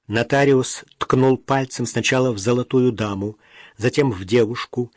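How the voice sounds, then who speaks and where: A man narrating an audiobook in a measured, unhurried storytelling manner. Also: medium pitch, darkish tone, dry recording, studio quality.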